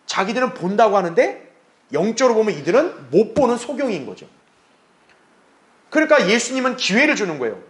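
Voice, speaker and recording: A man's voice: sits high, fairly quick, long pauses. A male pastor giving an expository Bible lesson, asking rhetorical questions, answering them himself, and acting out quoted lines. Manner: acts out quoted speech in lively voices.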